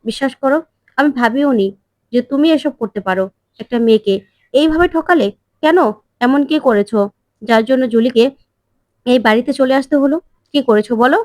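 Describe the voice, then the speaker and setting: A woman's voice: high voice, a little fast, pauses often, darkish tone, no echo, natural voice. Woman voicing an earnest young heroine.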